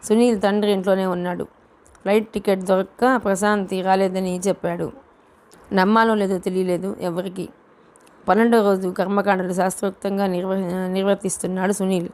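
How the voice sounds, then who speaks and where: A woman reading a novel aloud as an audiobook narrator, telling the story at a steady, even pace with small slips. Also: medium pitch, fairly quick.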